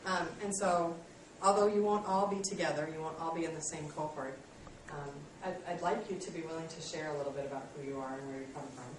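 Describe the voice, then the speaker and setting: A woman's voice: sits low, fairly even intonation, fast, few pauses, distant mic, slight background noise. Woman teacher in an echoey classroom. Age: 30s. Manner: friendly, self-deprecating, many ums. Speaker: college instructor. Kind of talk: classroom lecture.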